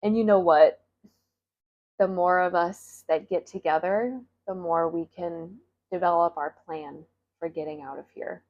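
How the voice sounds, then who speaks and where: A woman's voice: on the low side, steady tone, a little slow. A woman talking candidly and with emotion to her audience, laughing and swearing now and then. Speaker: self-help creator. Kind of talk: casual motivational talk to camera. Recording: slightly dull lo-fi audio.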